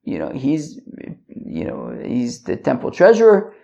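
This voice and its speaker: A creaky-voiced man gives an informal religious lesson. He reads aloud and then explains, often halting to think and repeat himself. The recording is dull and lo-fi. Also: mid-range voice, wildly swooping pitch, mellow. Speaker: Talmud teacher.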